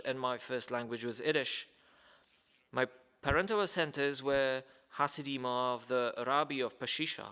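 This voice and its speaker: With the long reverb of a large hall around him, a man reads a letter at a ceremony in a formal but hesitant manner, using lots of fillers and stumbling on names. His medium-pitched voice is bright, forceful, clear and resonant.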